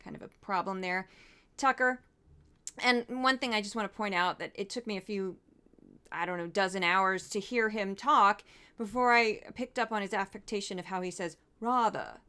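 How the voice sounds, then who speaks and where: A woman's voice: mid-range voice, normal speed, sharp tone, smooth. A woman hosting a commentary show, breaking down news clips in a wry, exasperated, conversational way.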